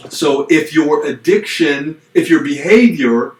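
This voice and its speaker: A man's voice: on the high side, lively intonation, slow pace, distant mic. A middle-aged man co-hosting a podcast as a pastor, talking in a reflective, rambling way with restarts and dry self-deprecating jokes. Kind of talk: casual chat. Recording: roomy echoey room.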